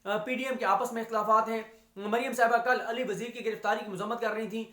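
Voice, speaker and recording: A man's voice: high voice, fairly even intonation, sharp tone. A man delivering political news commentary in a rhetorical way, stacking repeated phrases and using frequent "uh" fillers. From Pakistan. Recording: roomy echo.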